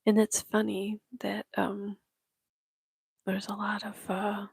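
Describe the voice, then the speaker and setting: A woman's voice: medium pitch, monotone, slow, vocal fry, breathy edge. A woman whispering through a casual Q&A chat, rambling and giggling at herself. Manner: rambling, giggly, self-mocking. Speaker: channel host answering viewer questions.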